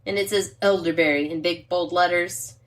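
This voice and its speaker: A woman's voice: lowish voice, steady tone, normal speed. A woman co-hosting a podcast in casual, rambling chat, reading a wine label aloud. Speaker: podcast co-host.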